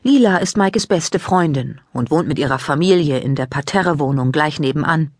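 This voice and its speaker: A woman narrating a children's audiobook in a calm, even storytelling manner. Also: deep voice, moderate pace, dry recording, studio quality.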